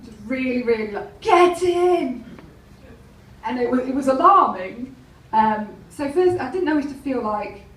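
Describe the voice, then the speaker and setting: A woman's voice: sits high, a little hiss or hum. A woman telling wry, rambling anecdotes in a stand-up comedy set, laughing at her own jokes. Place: live comedy venue. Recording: roomy, distant mic with faint ambience.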